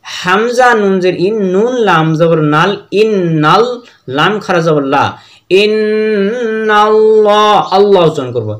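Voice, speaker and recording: A man's voice: high-pitched, expressive, fairly bright tone. A man with a Bangladeshi Bengali accent teaching Quran reading, spelling words out letter by letter and chanting the verses. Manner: slow letter-by-letter drilling with sung recitation.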